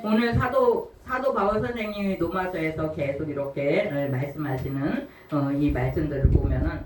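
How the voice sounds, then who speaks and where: A woman's voice: sits low, moderate pace, darkish tone. A woman in her sixties gives a sermon in a conversational way, telling personal stories, laughing often and asking the congregation questions. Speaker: preacher. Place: church sanctuary. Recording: echoey church hall, mic far off, faint noise.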